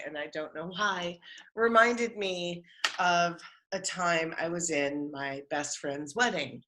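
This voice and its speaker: Woman host, lively storyteller, acts out her own anecdotes. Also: mid-range voice. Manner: animated, acts out sounds and quotes. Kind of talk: storytelling at a virtual story slam.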